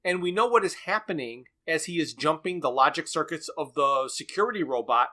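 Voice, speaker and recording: A man's voice: fairly high pitch, lively intonation, brisk, bright, forceful tone. A man co-hosting a casual podcast, recapping and picking apart a radio series with frequent chuckles. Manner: analytical, recaps plot at length, chuckles often. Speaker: podcast co-host.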